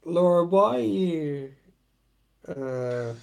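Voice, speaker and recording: A man's voice: on the high side, lively intonation, extremely slow, gravelly, a little mellow. A British man hosting a live stream in a casual, joking way, often laughing as he chats. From United Kingdom. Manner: jokey and joshing, laughing often. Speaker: host.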